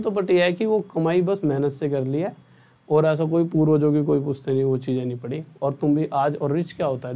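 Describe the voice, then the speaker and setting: A man's voice: on the high side, warm tone. A young man, a math teacher, chatting earnestly with students at the end of an online class and often checking in with them. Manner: chatty and earnest, often asks "theek hai?".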